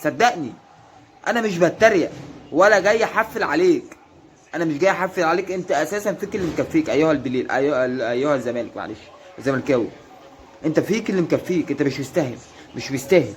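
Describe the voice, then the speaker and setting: A man's voice: on the high side, lively intonation, quick pace, a little hiss or hum. A man with an Egyptian Arabic accent in a casual monologue to rival football fans. He teases them in a mock-earnest way and keeps repeating reassurances. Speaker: football fan vlogger.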